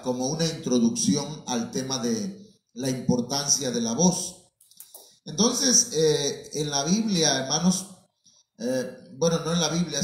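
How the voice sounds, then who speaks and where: A man from Mexico, a preacher, giving a teaching talk to his congregation, unhurried and full of fillers, often calling his listeners brothers. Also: on the high side, a little mellow. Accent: Mexican Spanish. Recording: very echoey room.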